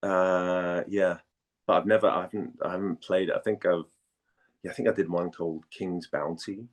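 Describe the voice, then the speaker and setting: A Danish voice actor, Danish as his first language, is a guest in a casual interview chat. His very deep voice stays steady, but his delivery is halting as he searches for words and repeats phrases.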